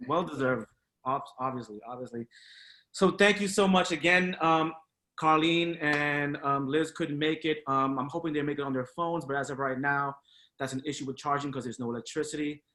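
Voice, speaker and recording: Bright-voiced man moderating a roundtable. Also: fairly high pitch, normal speed, slight background noise. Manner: encouraging, reflective, with fillers.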